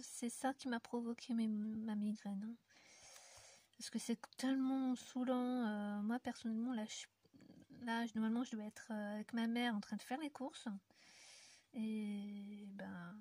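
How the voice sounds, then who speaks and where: A woman's voice: a little high, darkish tone, no echo. A woman from France chatting casually to her viewers while colouring, rambling with many fillers and often dropping to a near-whisper. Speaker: YouTuber colouring on camera. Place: indoor room in the mountains.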